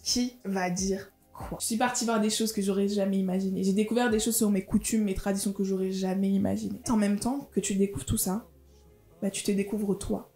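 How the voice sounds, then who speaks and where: A woman in her twenties from France and Gabon, with a French accent with touches of Marseille and Gabon, talking straight to her viewers in a casual personal vlog. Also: mid-range voice. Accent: French, mixed Marseille and Gabonese touches. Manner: fast, lively, chatty, addresses viewers directly. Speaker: vlogger. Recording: roomy room echo, faint music.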